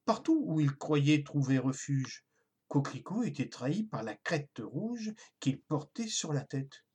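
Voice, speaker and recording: Husky children's story narrator. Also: mid-range voice, sing-song, unhurried, darkish tone.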